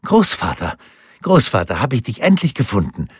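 A man reading the lines of an excited, demanding little boy in an audiobook. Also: mid-range voice, moderate pace, husky, no echo, clean studio sound, pitched above the performer's own voice, full character voice. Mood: eager. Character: lively eager little boy.

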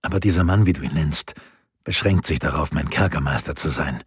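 A resolute imprisoned nobleman speaks in a low, sober, measured way, read by a man. The voice is deep and very husky. It is recorded close and dry, as in a storybook reading. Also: dry recording, full character voice. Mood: grave.

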